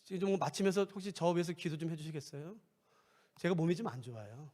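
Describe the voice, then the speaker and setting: A middle-aged male pastor preaching a sermon in an animated, playful way, acting out little scenes. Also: on the high side, fast talker. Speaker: guest pastor. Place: church sanctuary.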